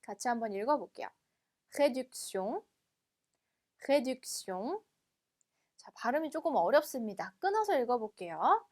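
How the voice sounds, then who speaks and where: A Korean-speaking woman teaching French in a video lesson, explaining patiently and slowing down to model each French word. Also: a little high, sing-song, darkish tone. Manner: asks learners "그죠?" after each point. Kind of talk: video lecture.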